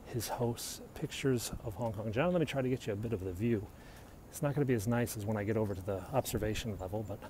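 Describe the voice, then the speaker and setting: This middle-aged man from the U.S. has a mid-range, dark voice. During a casual live stream on a hilltop walk, he answers viewers' questions, filming on a phone held in his hand, with plenty of outdoor noise in the recording.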